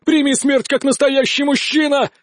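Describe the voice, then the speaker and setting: A man voicing an arrogant, cowardly nobleman duelist who shouts boasts and then begs. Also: high-pitched, animated, normal speed, breathy edge, no room sound, studio quality. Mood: blustering.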